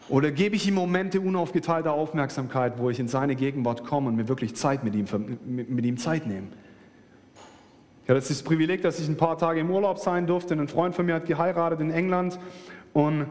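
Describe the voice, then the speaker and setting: A man's voice: a little high, darkish tone. Impassioned male preacher in a hall. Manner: impassioned, addresses the listeners directly. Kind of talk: sermon.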